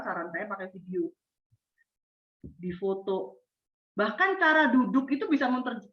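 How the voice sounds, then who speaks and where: A woman lecturing university students, expressive and lively, acting out example answers and checking that the class follows. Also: medium pitch. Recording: echoey, distant, dull sound.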